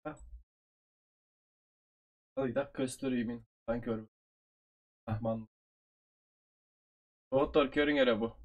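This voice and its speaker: A man with a Turkish accent, from Turkey, teaching an online review lesson and repeating phrases slowly for his learners. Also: medium pitch, fairly even intonation, phone-quality sound.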